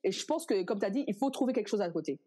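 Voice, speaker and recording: A young actress, interviewed as a guest, chats casually in a medium-pitched voice at a very fast pace. She tells lively stories, acting out what other people said.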